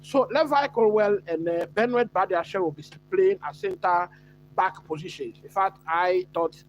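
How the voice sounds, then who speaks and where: A man from Ghana hosting a live football watch-along, chatting casually and answering viewers with many pauses and fillers. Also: sits high, highs cut off, slight background noise. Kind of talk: live stream football chat.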